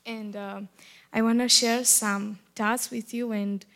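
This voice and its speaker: A woman with a Romanian accent, a native Romanian speaker, giving a personal testimony in careful, halting English with searching pauses. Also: a little high, little pitch movement, a bit bright. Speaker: church ministry worker.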